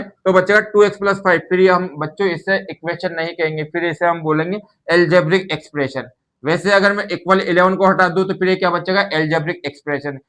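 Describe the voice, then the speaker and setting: A man explains a maths lesson patiently. His voice sits a little higher than most men's. He keeps asking questions and then answers them himself, as if speaking to a class. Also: pushed and bright. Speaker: maths teacher.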